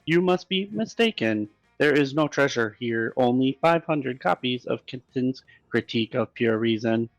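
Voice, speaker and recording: A polite, anxious robot who speaks in stiff, formal sentences, as a man puts him on in a voice-acted game playthrough. The voice sits at a middle pitch and sounds dry and close. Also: animated, normal speed, few pauses, no echo, soft background music, lightly acted, low-quality recording. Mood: fretful.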